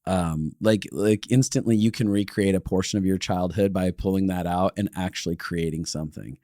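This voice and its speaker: A man's voice: deep voice, moderate pace, mellow, dry recording, studio quality. A man hosting a casual interview over a video call, playful with his questions. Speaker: podcast host.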